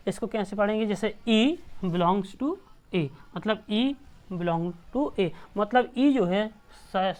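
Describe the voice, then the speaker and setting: Woman, math teacher, from India, patient, repetitive, smooth clear voice. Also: mid-range voice. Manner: patient, repetitive explaining with check-ins. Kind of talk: classroom math lesson.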